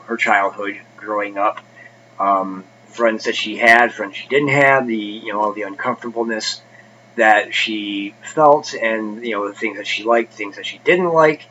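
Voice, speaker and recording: A man's voice: mid-range voice, pushed and bright, lo-fi sound, a little hiss or hum. A congested man hosting a casual book review channel, rambling with many fillers and restarts.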